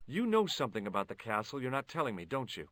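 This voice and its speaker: A man's voice: medium pitch, very animated, fast talker, a bit bright. A man voicing a curious young American investigator in a video game, wry and probing, with dry narrating asides.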